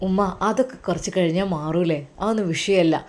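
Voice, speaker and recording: Brief: woman playing a young man, gentle, lowered voice, quietly reassuring his mother in a Malappuram story. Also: fairly quick, lightly acted. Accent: Malappuram Malayalam. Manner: soft, calming, lower voice.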